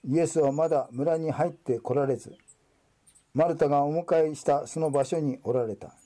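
Mellow man reading scripture. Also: fairly high pitch, moderate pace. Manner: steady, formal narration. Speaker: scripture reader.

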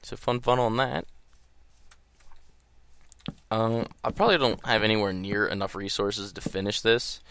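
Sleepy guy narrating his game, kinda low voice, rambly and full of ums. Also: steady tone, a little slow, long pauses, fairly bright tone, smooth, no room sound. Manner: rambling, hesitant, full of ums and trailing thoughts. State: groggy early-morning voice. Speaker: gameplay commentator. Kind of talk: casual gameplay commentary.

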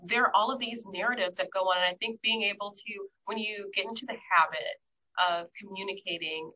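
A woman's voice: medium pitch, fairly quick, pushed and bright, rough recording. A woman hosting a podcast, speaking in a reflective, affirming way as she responds to her guest. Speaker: podcast host. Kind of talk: casual podcast conversation.

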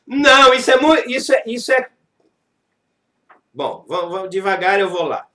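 Brief: male pastor, high voice with big swings, emphatic preacher who acts out voices in a live church lesson. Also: expressive, moderate pace, sharp tone, roomy sound. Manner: emphatic, acts out quoted voices, asks the audience questions. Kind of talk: sermon lesson.

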